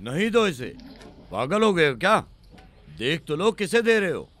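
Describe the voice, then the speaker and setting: A man's voice: a little high, big pitch swings, moderate pace, a bit bright. An actor dubbing a jeering drunk man at a party. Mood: rowdy. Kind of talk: dubbed film acting.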